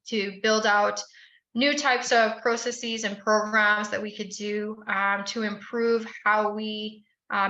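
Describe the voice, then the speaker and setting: A Bahamian woman in her thirties appears as a podcast guest, telling her career story in a friendly, measured way with frequent "um" fillers. Her medium-pitched voice has a sharp tone, and the audio is poor with an echoey room.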